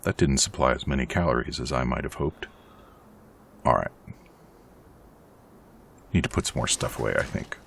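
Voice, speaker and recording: A man's voice: rumbling low, normal speed, vocal fry, long pauses, fairly bright tone, a little hiss or hum. A man casually narrating his survival game playthrough, chatty and rambling with a self-deprecating streak. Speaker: let's play host.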